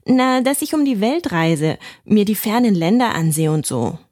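A woman voicing a friendly, chatty male mouse who travels the world, with a surprisingly loud, high voice. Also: big pitch swings, normal speed, no room sound, studio quality. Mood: friendly eager.

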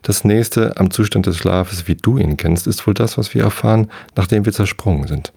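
A man's voice: fairly low pitch, normal speed, creaky, warm tone, husky, no echo, studio quality, pitched above the performer's own voice. A man voicing Havarius Opal, a bitter gnome. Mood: explaining. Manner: lecturing, sighing, condescending. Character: bitter, sleepless nightmare gnome, male. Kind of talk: bedtime story reading.

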